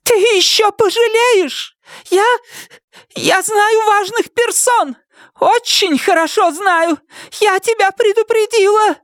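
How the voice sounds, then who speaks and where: A woman voicing a frightened, timid woman with a high, thin, squealing voice. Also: slow, no echo, clean studio sound. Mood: shrieking.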